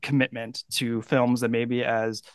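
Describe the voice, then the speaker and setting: A man's voice: mid-range voice, flat delivery, a little slow, smooth, no room sound, studio quality. A man in his thirties hosting a podcast, talking casually with many fillers and restarts. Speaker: podcast host.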